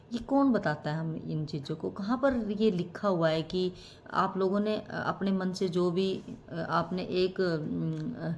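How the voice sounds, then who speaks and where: A woman vlogger talking casually to camera in a reflective way, pausing often with fillers. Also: on the low side, a little mellow, slight background noise. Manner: reflective, musing, with many fillers and hesitations.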